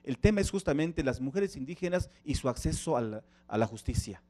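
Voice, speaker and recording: A man's voice: medium pitch, lively intonation, brisk, a little mellow. A middle-aged man whose first language is Tzeltal, giving a conference talk and drawing the audience in with questions. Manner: engaging, asks the audience questions. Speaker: panel speaker. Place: conference hall.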